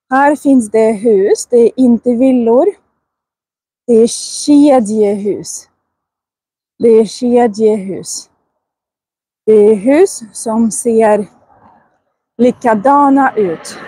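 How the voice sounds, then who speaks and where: Woman language teacher, Russian-native, slow careful diction, mellow breathy voice, dry close sound, walking outdoors. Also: a little high, no echo. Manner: slow careful enunciation, frequent laughs. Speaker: Swedish teacher. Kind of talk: casual walking vlog. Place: outdoors on a residential walk.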